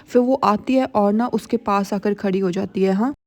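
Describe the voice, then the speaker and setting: A woman retells a drama plot in a casual, chatty way, full of little fillers. Her voice is warm and mellow, at an ordinary pitch. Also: moderate pace. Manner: chatty, frequent fillers and English words. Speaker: drama recap host. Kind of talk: casual storytelling recap.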